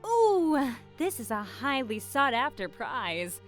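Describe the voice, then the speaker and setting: A woman's voice: high-pitched, sing-song, slow, faint music behind, full character voice. A woman voicing a theatrical, mock-sweet and sadistic female hologram AI game show host in a video game. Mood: mocking, teasing.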